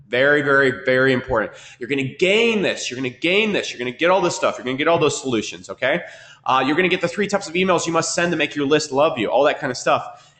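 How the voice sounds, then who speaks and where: Here a marketing trainer with a slightly high, slightly bright voice leads a webinar. Sniffling with a cold, he speaks quickly and repetitively, dropping in "okay?" again and again.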